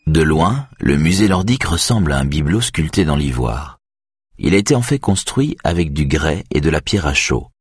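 A man narrating a novel in an even, measured reading. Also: extremely low pitch, husky, no echo, studio quality. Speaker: audiobook narrator. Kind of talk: scripted narration.

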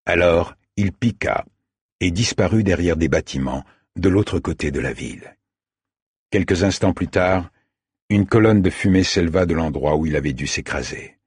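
Deep, husky man narrating an audiobook. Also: no room sound, clean studio sound. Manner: measured storytelling. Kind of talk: scripted narration.

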